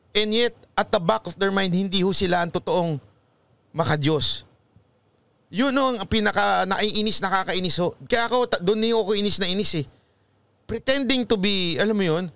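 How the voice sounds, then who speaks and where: A man's voice: high-pitched, gravelly, dry recording. A Filipino man, a pastor, giving emphatic, preachy talk-show commentary with a Filipino accent and tagging his lines with "ha?". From Philippines. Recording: loud music playing behind the voice.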